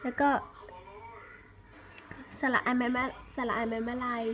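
A woman's voice: fairly high pitch, flat delivery, a little slow, poor audio. A young woman chatting casually as she shows and prices handmade squishies, polite and chatty, spelling out her contact details. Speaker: vlogger selling handmade squishies. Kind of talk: casual product show-and-tell. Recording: loud background noise with crinkling.

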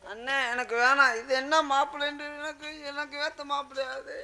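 A man voicing a crying young bride in a stage comedy, protesting in shrill sobs. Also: fairly even intonation, slow pace, pushed and bright, heavily acted. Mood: wailing. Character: wailing comic village bride, young woman. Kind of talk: village stage drama. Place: outdoor village stage.

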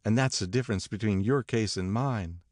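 A man's voice: on the low side, moderate pace, darkish tone, no echo, clean studio sound, voice pushed up, close to an everyday voice. A man voicing a brassy, disillusioned married woman in an audiobook, emphatic and disdainful. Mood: scornful.

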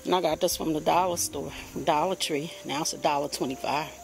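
A vlogger chats casually while filming her backyard garden and then her indoor plants by a window on a handheld phone, rambling in a homey way. Her low, gravelly voice is brisk with fairly even intonation, and there's background noise.

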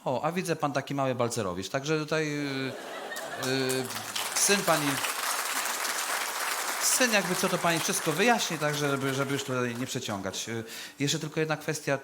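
A man's voice: fairly high pitch, moderate pace, over a noisy crowd. A man performing a comedy sketch as a funeral speaker, who hesitates and fills his talk with "y" and "so", and sometimes swings into a pompous solemn eulogy tone. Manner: hesitant, filler-heavy bargaining. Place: stage before a live audience. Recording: live stage, audience noise.

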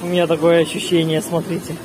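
A middle-aged woman, a family vlogger, films and narrates a casual travel vlog around resort grounds, corridors and the poolside, exclaiming effusively. Her voice sits on the low side, fast yet monotone, with a crowd audible behind her. It's a noisy handheld recording made on a phone camera.

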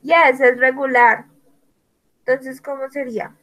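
Woman teacher, fairly high voice, unhurried delivery; spells each word aloud and calls on students by name. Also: flat delivery, a bit bright, rough recording. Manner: slow, spells out words letter by letter. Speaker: English teacher. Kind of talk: online language lesson.

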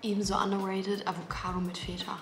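A lifestyle vlogger in her twenties talks casually to the camera in her bright, modern apartment, eager and full of slang. Her medium-pitched voice barely rises or falls, and she talks fast. The recording has a roomy apartment sound with music playing behind her.

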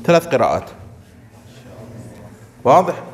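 Man, grammar teacher, slightly high voice, long hall reverb, questions the class often. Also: big pitch swings. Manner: checks understanding with frequent questions to students; slows down and stresses words when reading out examples. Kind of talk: classroom lesson.

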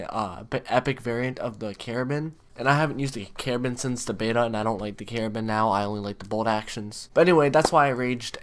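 A man's voice: medium pitch, smooth. A man in his twenties talking casually to his viewers as a gaming video creator, recorded in a bedroom. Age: 20s. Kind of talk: casual chat to camera. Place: bedroom, indoors.

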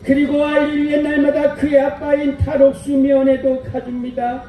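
A man with a very high, mellow voice narrates a live outdoor stage play in sing-song, declaiming byeonsa style. The sound is heavily echoing PA audio caught from far off, with faint background noise. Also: completely flat delivery, moderate pace.

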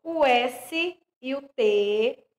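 A young woman teaching an online lesson to young children with a Brazilian accent, speaking slowly and clearly and stressing each example word. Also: sits high, lively intonation, darkish tone. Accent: Brazilian Portuguese. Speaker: primary school teacher.

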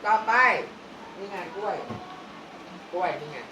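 A woman kindergarten teacher running a classroom vocabulary drill. She repeats each word slowly and coaxes the children while staying firm. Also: mid-range voice. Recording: echoey room from far off, clear noise.

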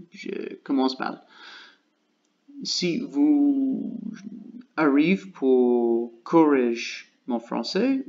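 Slow, halting American man speaking French. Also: mid-range voice, darkish tone, dull audio. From United States. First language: English. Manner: halting learner's French, searching for words with many pauses. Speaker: channel host. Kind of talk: casual vlog update.

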